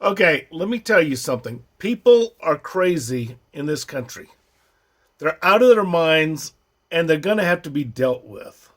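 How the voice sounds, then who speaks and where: A man's voice: fairly high pitch, expressive, a little slow, a bit bright. A man hosting a reaction video, commenting on a clip in a blunt, scornful, lecturing way.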